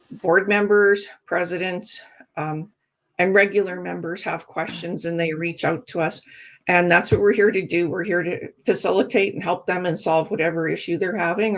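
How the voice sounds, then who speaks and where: A middle-aged woman from Alberta, speaking earnestly as a candidate in a casual interview, with frequent ums and restarts. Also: on the low side. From Alberta, Canada. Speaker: political candidate guest.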